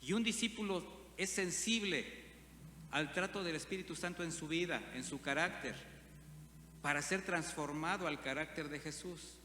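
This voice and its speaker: Pastor preaching in a reverberant hall. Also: male voice, on the high side, normal speed, bright, forceful tone. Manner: asks the congregation frequent rhetorical questions. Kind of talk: sermon. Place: church hall. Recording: reverberant church hall with faint hum.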